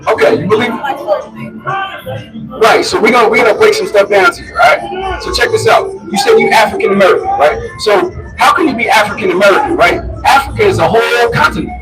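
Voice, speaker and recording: A man's voice: sits high, big pitch swings, a little fast, recorded from a distance, loud music behind the voice, poor audio. A man preaching in the street, emphatic, pressing listeners to answer him back.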